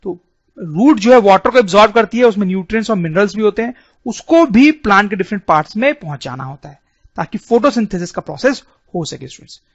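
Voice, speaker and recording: A man's voice: high-pitched, no room sound. A man teaching a biology lesson over diagrams, often repeating key terms and calling on the students. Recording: dull, dry lo-fi sound.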